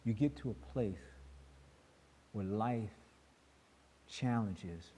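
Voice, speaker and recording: A man making an earnest point slowly in a reflective group discussion. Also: fairly low pitch, dark tone, slight background noise.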